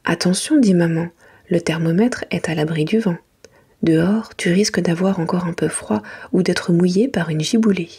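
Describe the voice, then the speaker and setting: Woman, soft library whisper, very breathy, slightly low voice, gentle unhurried ASMR storybook reading.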